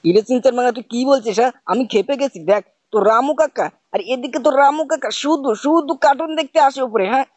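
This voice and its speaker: Playing the part of a scolding uncle, this gaming host jokingly narrates gameplay and keeps repeating "bujhchhis?" to ask if he's understood. He talks quickly in a high voice with hardly any pauses, and the recording is dry.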